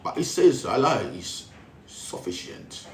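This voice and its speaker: A man's voice: mid-range voice, big pitch swings, takes it slowly, a little hiss or hum. A man with a Ghanaian accent giving a spiritual teaching talk, preaching in a repetitive way as he switches between Twi and English. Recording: roomy echo, voice from a distance.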